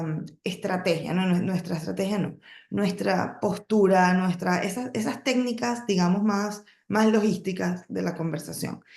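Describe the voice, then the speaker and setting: A middle-aged woman coaching a group on public speaking, in a gravelly voice of middling pitch. She stresses her points, pauses and corrects herself as she goes. The room carries a noticeable echo. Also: darkish tone. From emigrated to the United States, lives in Texas. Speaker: network marketing trainer. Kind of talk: training talk on public speaking.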